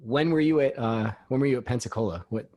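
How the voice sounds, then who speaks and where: A man hosting a casual podcast interview, talking in an easygoing, conversational way with halting fillers. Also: mid-range voice, a little mellow. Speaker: podcast host.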